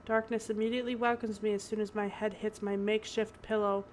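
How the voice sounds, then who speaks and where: A woman's voice: medium pitch, flat delivery, a little fast, noisy background. A woman streamer narrating a visual novel aloud, breaking off for giggly asides. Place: home.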